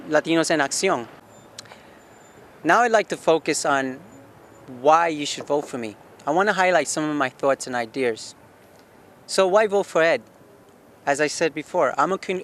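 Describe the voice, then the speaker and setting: A man's voice: a little high, a bit bright, a little hiss or hum. Forties man from Guatemala, earnest local candidate with a slightly raised voice who asks and answers his own questions. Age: 40s. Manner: earnest, asks himself questions and answers them, frequent restarts. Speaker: city council candidate. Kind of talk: campaign statement to camera. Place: outdoor rooftop deck in a city.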